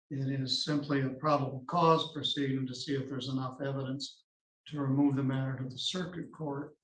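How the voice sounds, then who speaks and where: A man presiding as judge over a court hearing, formal and measured, his voice going hoarse. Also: medium pitch, steady tone. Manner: formal, measured legal phrasing. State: losing his voice. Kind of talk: courtroom proceedings. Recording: echoey courtroom audio.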